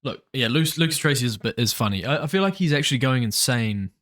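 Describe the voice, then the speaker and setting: A man's voice: mid-range voice, expressive, quick pace, fairly bright tone. Chatty, easygoing podcast co-host man. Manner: chatty, laughs easily. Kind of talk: casual chat.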